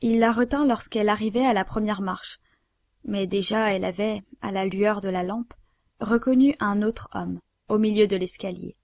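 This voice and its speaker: A woman narrating a novel aloud in a measured, even way. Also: mid-range voice, gravelly, no room sound. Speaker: audiobook narrator.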